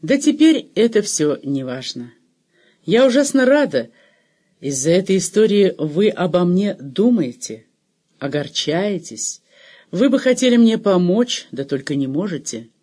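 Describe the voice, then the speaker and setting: A woman's voice: on the low side, very animated, a little slow, warm tone, slightly rough, full character voice. A man voicing an anxious aristocratic woman on a ship who pleads and clings to her doctor in an audiobook. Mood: clinging.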